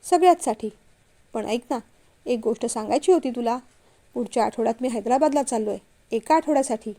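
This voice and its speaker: A woman's voice: a little high, brisk, warm tone. A woman voicing a sulky, childish young man who pleads and whines to his father in a storybook reading. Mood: earnest. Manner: pleading, whiny.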